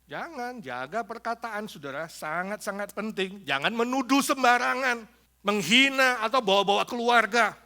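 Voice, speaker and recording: A man preaching a Sunday sermon in a church, animated and jokey, slipping into quick acted asides and laughing at his own examples. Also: high-pitched. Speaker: pastor. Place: church in Los Angeles.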